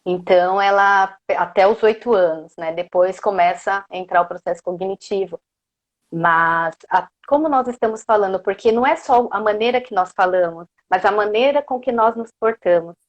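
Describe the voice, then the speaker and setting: A woman's voice: mid-range voice, moderate pace, highs cut off. A woman with a Brazilian accent, a coach giving a motivational parenting talk, who keeps asking her listeners questions and often tags her phrases with "né?". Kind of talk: motivational lecture.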